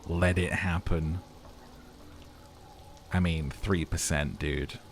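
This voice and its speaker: In a deep, fairly even voice, a man does a let's play at a slow pace. He mixes dramatic storytelling about the game with casual asides full of swearing, over faint background game noise.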